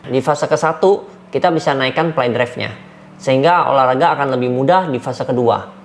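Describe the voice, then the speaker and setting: A man, a dog trainer giving numbered training tips and acting out sharp commands. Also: mid-range voice, a little fast, a little hiss or hum. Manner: numbered points, demonstrates commands with sharp shouts.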